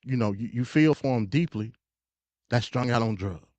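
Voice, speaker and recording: Medium in pitch and moderate in pace, this man's slightly mellow voice comes through without echo. He's an American hosting a live stream of loose, opinionated political chatter, leaning on slang, stressing points, repeating and stuttering. The sound is dull and lo-fi.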